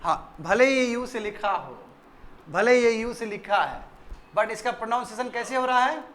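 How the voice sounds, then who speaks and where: High-voiced man teaching a class. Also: a little slow, a bit bright. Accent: Indian English. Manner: quizzing students, repeating answers. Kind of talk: classroom grammar lesson.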